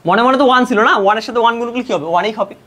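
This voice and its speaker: A man's voice: very high voice, very fast, bright, forceful tone. A young man with a Bangladeshi Bengali accent teaching an online math lesson, explaining step by step and answering his own questions. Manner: mixes English math terms into Bengali speech. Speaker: math tutor.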